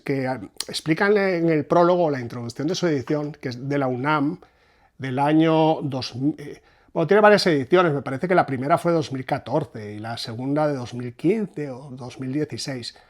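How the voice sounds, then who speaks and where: A man, apparently a translation reviewer, gives an unscripted explanation of poetic meter, thinking aloud as he pauses and restarts. He sounds thoughtful and hesitant, often starting phrases over, and his voice sits a bit higher than most men's.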